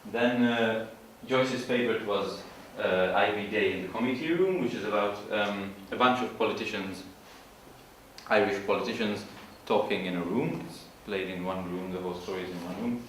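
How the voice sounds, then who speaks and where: A man giving an informal literature presentation, explaining in a halting way and searching for his words. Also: lowish voice, fairly bright tone. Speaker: student presenter. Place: large room at an evening school event. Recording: echoey hall from far off, faint noise.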